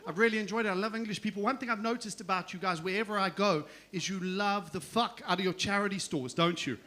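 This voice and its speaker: A man's voice: high-pitched, fast, pushed and bright. A man from South Africa with a South African accent doing stand-up comedy, crude and rowdy as he banters with the crowd on a comedy club stage.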